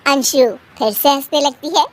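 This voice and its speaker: A woman telling a family story as the narrator, in a simple, even storytelling manner. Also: high voice.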